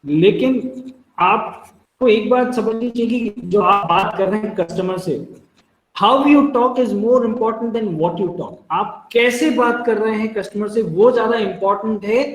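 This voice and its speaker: Indian male trainer, high-pitched, friendly explainer, lecture in a reverberant room. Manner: explains with everyday examples, addresses listeners as friends. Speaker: telecalling trainer. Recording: echoey room.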